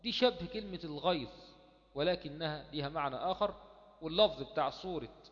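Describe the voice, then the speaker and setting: A man's voice: a little high, fairly quick. Egyptian man lecturing in a reverberant hall. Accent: Egyptian Arabic. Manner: repeats key words and poses himself rhetorical questions. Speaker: teacher of Quran recitation. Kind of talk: explanatory lecture. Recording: dull lo-fi sound with long hall reverb.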